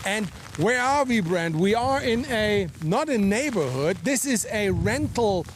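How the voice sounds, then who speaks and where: A man reporting live outdoors in a storm, halting and emphatic, raising his voice over wind and rain. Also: high voice, animated. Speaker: field reporter. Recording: wind and rain noise behind.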